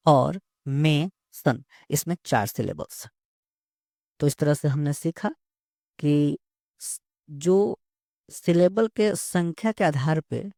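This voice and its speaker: A male teacher explains slowly and steadily, often going back over the same words. His voice sits a little high for a man yet sounds dark and gravelly. It is recorded close up and dry. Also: no echo. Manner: slow, repeats words and phrases while explaining. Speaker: English teacher. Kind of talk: bilingual lesson explanation.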